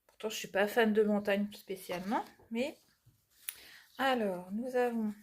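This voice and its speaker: Soft-spoken woman with a stuffy cold. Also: medium pitch, measured pace. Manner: chatty, soft-spoken, often drops to a murmur. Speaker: cross-stitch vlogger. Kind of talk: casual unboxing chat.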